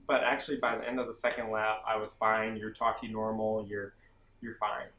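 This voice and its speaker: A man's voice: fairly low pitch, moderate pace. Young man telling a story in an echoey room. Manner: animated, self-dramatizing, many "like" fillers. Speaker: vlogger recounting basic training. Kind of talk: casual storytelling vlog. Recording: echoey room, faint background hum.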